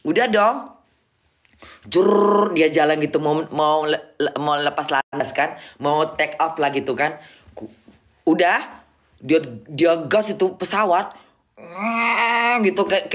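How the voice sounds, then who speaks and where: A woman's voice: deep voice, measured pace. A middle-aged woman from Indonesia telling a travel story on a live stream, exclaiming often and acting out sounds and quoted exchanges.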